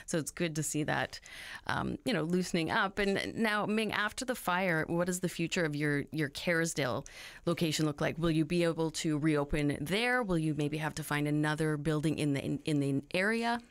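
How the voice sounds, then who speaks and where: A woman's voice: low-pitched, moderate pace, no echo. Chatty woman radio host, dry studio. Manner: warm chatty questions, many "you know"s. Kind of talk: interviewing guests. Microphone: studio mic on boom arm.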